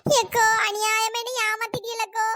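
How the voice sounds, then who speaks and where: A woman's voice: very high-pitched, level tone, moderate pace, sharp tone, no echo, clean studio sound. A woman voicing a cheeky, lovesick little schoolgirl in a cartoon who whines and accuses. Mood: indignant. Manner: whiny, accusing, demanding her money back.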